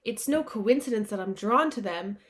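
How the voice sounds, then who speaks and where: Her voice sounds nasal and stuffed-up, as though she's pinching her nose from allergies. This medium-pitched woman hosts a podcast, speaking earnestly and informally to listeners in a motivational self-help style, animated and at a moderate pace.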